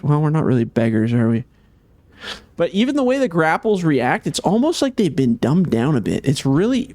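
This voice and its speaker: A man giving casual gameplay commentary as a game modder, chatty and thinking aloud with many fillers, slightly hoarse. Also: fairly high pitch, a little mellow.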